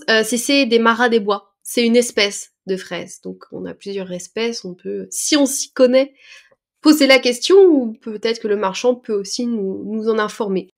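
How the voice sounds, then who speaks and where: A woman with a fairly high voice gives a French lesson. She takes her time, explaining each expression patiently and pausing on small fillers. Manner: patient, breaks words down slowly with fillers. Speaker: French teacher.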